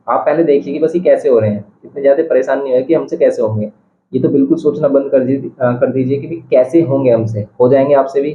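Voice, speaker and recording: A man teaching a board-exam geometry lesson, who talks students through each step, repeats the key points and tells them not to worry. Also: medium pitch. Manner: reassuring, repeats key steps aloud. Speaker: math teacher. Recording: dull, slightly roomy with faint hiss.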